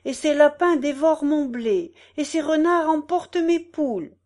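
A woman's voice: high-pitched, expressive, moderate pace, a little mellow, voice pushed up. A woman voicing an aggrieved peasant complaining about his lord, in a storybook reading. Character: angry male peasant farmer.

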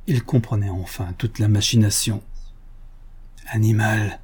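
Mellow-voiced man narrating a novel. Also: medium pitch, breathy edge. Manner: steady, measured storytelling. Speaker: audiobook narrator. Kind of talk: scripted narration.

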